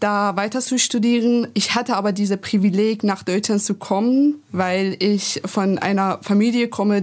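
A young woman in her twenties from Iran talks as a podcast guest. She speaks German plainly and a little hesitantly, with small grammar slips. Her voice is at a middle pitch. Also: a little mellow. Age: 20s. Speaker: guest, activist. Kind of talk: podcast interview.

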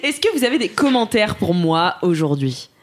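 A woman's voice: lowish voice, very animated, normal speed. A woman hosting a podcast in a casual, playful and teasing chat style. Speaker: podcast host.

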